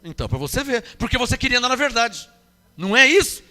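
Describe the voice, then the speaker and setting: A man's voice: very high-pitched, big pitch swings, fast talker, bright, forceful tone, long reverb tail, soft background music. A man with a Brazilian Portuguese accent preaching a sermon, emphatic, questioning the congregation and acting out quoted voices. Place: church hall.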